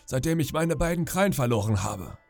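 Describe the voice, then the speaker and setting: A man's voice: mid-range voice, lively intonation, brisk, gravelly, darkish tone, no room sound, soft background music. A man voicing a sly old pirate who speaks in a falsely friendly, ingratiating way. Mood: wheedling. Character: sly old one-eyed male pirate, wheedling.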